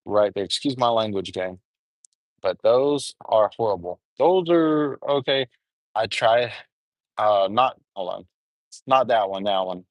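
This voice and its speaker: Speaking a little slowly in an animated, lowish voice with no echo, a young livestreamer from Alabama rambles to his audience. He has a Southern accent, keeps it chatty, calls viewers "gang," and is out on the road and in a store.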